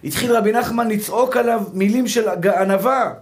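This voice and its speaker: A man giving a sermon as a rabbi, emphatic, repeating rhetorical questions and calling his listeners brother. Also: high voice. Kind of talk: sermon to a live audience.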